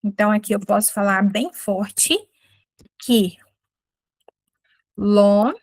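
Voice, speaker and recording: A woman with a Brazilian Portuguese accent teaching an English lesson, patiently explaining and saying English example phrases slowly and clearly. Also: medium pitch, fairly even intonation, no room sound.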